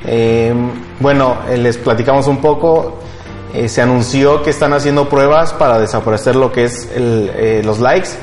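A young man with a Mexican accent, explaining tech news as a co-host in a casual chat, hesitant and often pausing mid-phrase. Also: mid-range voice, darkish tone. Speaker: podcast co-host. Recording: roomy echo, background music.

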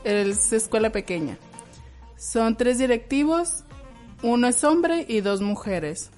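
Hesitant woman guest, very slow delivery, faint music behind. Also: a little high, animated, a little mellow. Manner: slow, hesitant, searching for words. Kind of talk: casual discussion.

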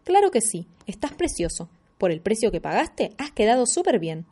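A woman's voice: on the high side, sing-song, moderate pace, dark tone, slightly rough. A woman voicing a bossy, cheeky little girl who plays hairdresser in a storybook reading. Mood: smug.

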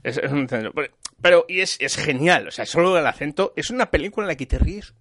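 A man's voice: fairly high pitch, animated, quick pace, a bit bright, no room sound, clean studio sound. Man rambling about a film. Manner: rambling, full of restarts and repeated words. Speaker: film reviewer in conversation. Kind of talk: casual chat.

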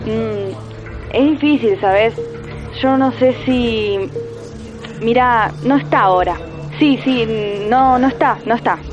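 An actress playing a guarded grown daughter who talks evasively and hesitantly, heard over a landline phone. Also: female voice, on the high side, slow pace, music in the background. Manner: evasive, hesitant, full of fillers. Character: guarded adult daughter shielding her father. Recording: dull muffled phone line.

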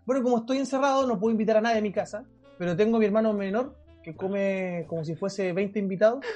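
A man's voice: sits high, fast, darkish tone, soft background music. A Chilean man co-hosting a podcast, telling stories in a laughing, joking casual chat. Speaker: podcast co-host.

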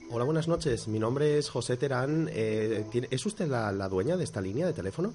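A man's voice: medium pitch, lively intonation, moderate pace, warm tone. A man co-hosting a radio show, playing a formal phone salesman in a prank call. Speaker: radio co-host.

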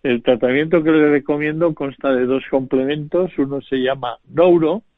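A man's voice: fairly high pitch, fairly even intonation, no room sound. Male doctor heard over the phone. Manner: measured, formal advice. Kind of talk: radio advice. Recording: dry narrow phone line.

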